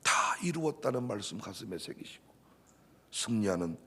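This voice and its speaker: A middle-aged man, a pastor preaching a sermon, swinging from hushed talk to shouting. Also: very high-pitched, sing-song, fairly quick, creaky, husky.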